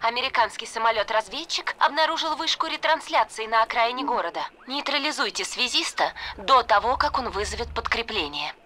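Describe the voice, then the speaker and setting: A woman giving brisk, clipped military orders, heard from afar over a field radio in a game. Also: fairly high pitch, lively intonation, sharp tone. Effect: heard over a field radio, distant. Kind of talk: scripted game dialogue.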